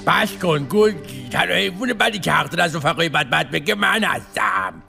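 A cynical cartoon snake crook with an extremely creaky, gravelly voice. It is pitched high for a man and grumbles bluntly, with music behind. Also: very animated, heavily acted. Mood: grumbling. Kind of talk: animated film dub acting.

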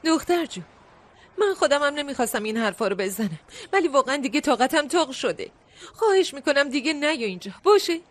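A woman dubbing a sharp-tongued middle-aged mother who runs a restaurant and scolds with heavy sighs. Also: high voice, big pitch swings. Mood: scolding. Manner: scolding, sighing. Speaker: restaurant owner. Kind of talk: dubbed drama acting.

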